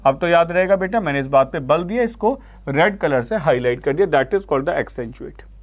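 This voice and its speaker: An Indian man teaching an online vocabulary lesson, calling students "beta" and reading English examples slowly before explaining them. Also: on the high side, lively intonation, highs cut off.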